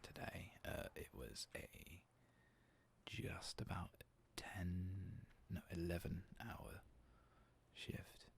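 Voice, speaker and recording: A gaming ASMR host talks very slowly in a low, coarse, gravelly voice that's gone hoarse after a long work shift. He half-whispers softly while he plays, rambling along in a relaxed, self-deprecating way through his gameplay commentary.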